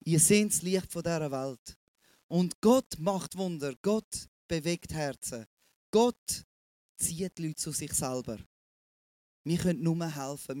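A man's voice: a little high, mellow, dry recording. A man preaching a sermon with emphatic repetition, then inviting his wife to the stage. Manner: emphatic preaching, repeats lines. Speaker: pastor.

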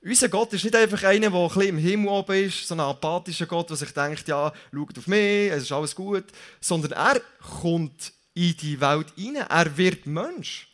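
A young man with a Swiss German accent preaching a casual, lively sermon, joking and correcting himself as he goes. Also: high voice, moderate pace.

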